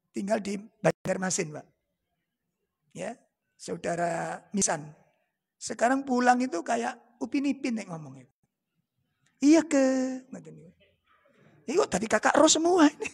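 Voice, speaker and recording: Male preacher, Javanese accent, husky gravelly voice, jokey, quizzes the crowd. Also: high-pitched. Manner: joking, asks the audience rhetorical questions. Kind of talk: religious lecture.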